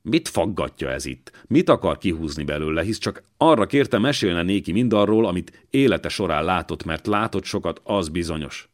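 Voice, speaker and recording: Brief: male audiobook reader, very low voice, measured narration. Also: expressive. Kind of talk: scripted narration.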